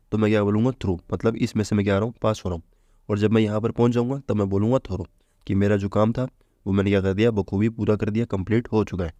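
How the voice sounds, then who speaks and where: A man teaching a relaxed vocabulary lesson in a low, mellow voice. He talks chattily, constantly posing questions and answering them himself. The sound is dry and close to the mic. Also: no echo. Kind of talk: casual Hindi exam-prep lesson.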